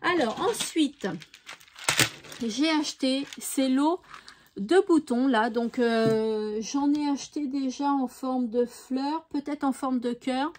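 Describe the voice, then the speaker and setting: Chatty high-voiced woman vlogger. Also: slow, darkish tone, a little hiss or hum. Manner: chatty, with frequent hesitations and "voilà". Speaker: craft vlogger. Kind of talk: casual haul show-and-tell.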